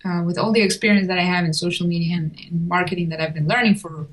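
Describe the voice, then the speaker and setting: A woman's voice: on the low side, fairly even intonation, fast, low-quality recording. Chatty woman. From Chile. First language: Spanish. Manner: chatty, with frequent restarts and small laughs. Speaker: guest. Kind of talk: casual interview.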